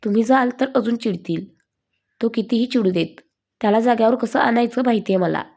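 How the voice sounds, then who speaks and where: A woman voicing a hurt young woman who pleads gently in a story reading. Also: fairly high pitch, brisk, gravelly. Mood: pleading.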